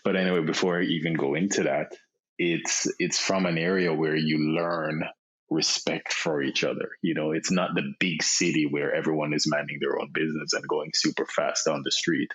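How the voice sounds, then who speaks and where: A Jamaican man in his thirties chats as a guest on a podcast over a remote call, relaxed and using lots of fillers and repeated words. His voice rumbles low with a breathy edge and a moderate pace, and the casual interview has dull, lo-fi sound.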